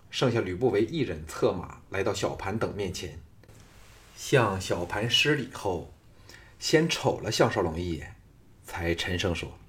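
A man narrating a martial arts novel as an audiobook in a steady, measured storytelling voice. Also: fairly low pitch.

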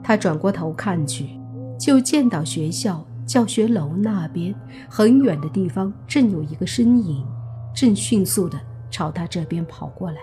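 A woman narrating a serialized suspense novel in a steady storytelling voice. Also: on the low side, measured pace, soft background music. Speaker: audiobook narrator.

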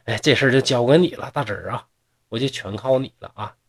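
A man's voice: mid-range voice, quick pace, natural voice. A man with a Northeastern accent voicing a fretful middle-aged mother who coaxes and pleads in a storybook tale. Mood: pleading. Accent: Northeastern Mandarin.

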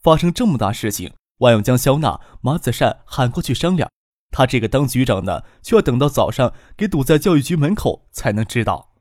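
Male audiobook narrator, lively pitch, dry close studio sound. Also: brisk, dry recording.

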